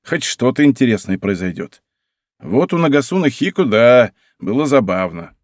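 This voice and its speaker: A man reading an audiobook, voicing a bored, grumpy nobleman who speaks curtly and gruffly. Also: mid-range voice, sing-song, normal speed, no room sound, clean studio sound. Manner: gruff, curt.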